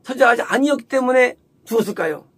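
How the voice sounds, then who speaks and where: A man's voice: very high-pitched, expressive, racing, breathy edge. A man preaching a sermon, explaining a Bible passage verse by verse, often asking rhetorical questions and answering them himself. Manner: acts out the quoted woman in a raised, sharp voice.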